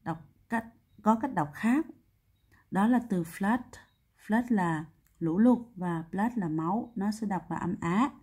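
A woman teacher works through an exam answer by answer, explaining each rule patiently. Her voice is warm and mellow, with a slightly husky edge. She keeps checking in with her students through frequent tag questions. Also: medium pitch, slow pace. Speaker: English teacher. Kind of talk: exam answer walkthrough lesson.

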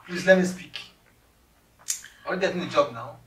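A man's voice: medium pitch, fast, pushed and bright. A young man acting as an arrogant, rude and impatient job applicant in a skit. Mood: irritated. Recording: echoey room, mic far off, noisy.

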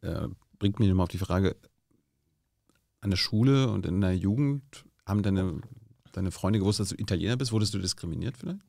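A man's voice: low voice, a little fast, creaky, a little mellow, dry recording, clean studio sound. A male host conducting an interview, asking short, curious questions and dropping in brief reactions.

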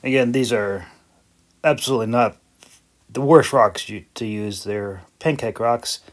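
A man who makes videos and narrates audiobooks as a hobby does a casual, rambling vlog voice-over. His medium-pitched voice runs a little slow, hesitant and self-deprecating, broken up by chuckles.

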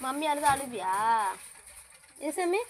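A young woman with a high voice coaxes her small child in playful, sing-song baby talk and slips into mock whimpering. It is a noisy phone recording made at home, with a steady hiss behind her. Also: unhurried. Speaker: mother and vlogger. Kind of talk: casual home vlog with her toddler.

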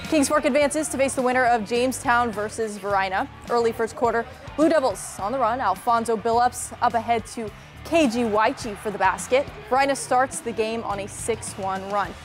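A young female sports reporter in a TV news studio narrates high school basketball highlights with a punchy, upbeat, scripted delivery.

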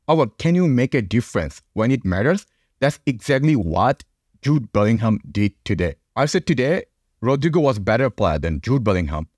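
A man's voice: mid-range voice, a little mellow, no echo. A young man hosting a fan channel, giving casual reaction commentary into a podcast mic in a small home studio. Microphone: podcast mic on a boom.

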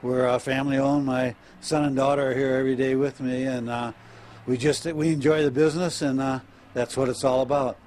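A man's voice: medium pitch, little pitch movement, darkish tone, slight background noise. An older man being interviewed live for TV about his business, speaking plainly into a reporter's handheld mic with many hesitant "uh"s. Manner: plain, halting talk with many "uh" fillers. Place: outdoors on an RV lot, then inside an RV.

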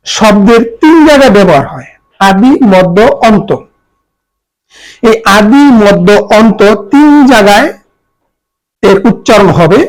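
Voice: mid-range voice, rough recording. Patient teacher repeating examples. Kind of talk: exam-prep grammar lesson.

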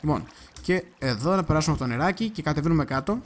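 A man giving casual gameplay commentary, chatty and excitable, talking straight to his viewers and now and then bursting into loud cursing. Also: fairly high pitch. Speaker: gaming video creator.

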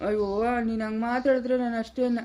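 A fretful village mother, played by a woman in a homespun family drama, speaking in a rural Chikkaballapura Kannada accent. She talks quickly in a slightly raised voice. Her words are pleading and soothing. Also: a little high, little pitch movement, dark tone, a little hiss or hum, close to an everyday voice. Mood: reassuring. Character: anxious loving village mother.

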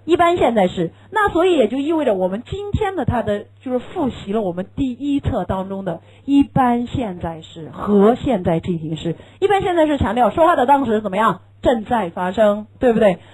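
A woman teaching English in a classroom lecture. She asks the class questions and answers them herself, and slows down to demonstrate English pronunciation. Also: a little high, sing-song, a little mellow, low-quality recording.

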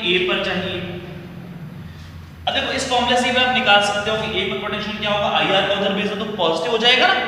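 A fairly high-pitched man teaches physics at a whiteboard, his voice bright and cutting. He explains step by step and keeps turning key points into questions for his students. The small bare room rings with echo, and the far-off camera mic picks up a faint hum. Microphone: camera mic from across the room. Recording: echoey room picked up from a distance.

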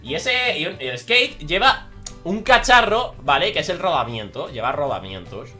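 Excitable young Spaniard shouting over gameplay. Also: male voice, on the high side, moderate pace, soft background music. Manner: excitable, bursts into shouts, self-mocking jokes. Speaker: gaming YouTuber. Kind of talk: live gameplay commentary.

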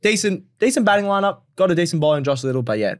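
Fast-talking man hosting a sports podcast. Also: high voice. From Scotland. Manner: fast, excitable, laughs often. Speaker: podcast host. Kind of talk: casual sports chat.

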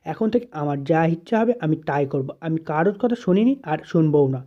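A woman's voice: sits low, animated, brisk. Brief: hurt, defiant young woman, read by a man, pleading, lo-fi. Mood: angry. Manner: pleading, then bitter.

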